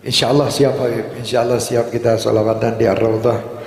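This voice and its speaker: A man speaking calmly at a religious gathering, telling a story at an unhurried pace. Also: medium pitch, vocal fry. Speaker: religious singer and host of the gathering. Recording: echoey hall with long reverb.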